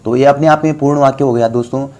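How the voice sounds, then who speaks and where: Mellow-voiced male tutor teaching a lesson. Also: mid-range voice, fairly even intonation, fast. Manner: explains patiently, addresses viewers as friends. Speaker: exam tutor. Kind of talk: Hindi grammar lesson for exam aspirants.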